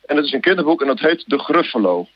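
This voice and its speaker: A man's voice: fairly high pitch, big pitch swings, fast talker, no room sound, lo-fi sound. A man in a radio interview talking about a children's book, hesitant, with many restarts. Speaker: radio guest, library reader.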